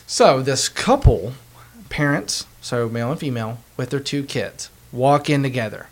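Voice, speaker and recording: A man telling a story in casual podcast chat, slangy and animated, acting out the people in it. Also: mid-range voice, moderate pace.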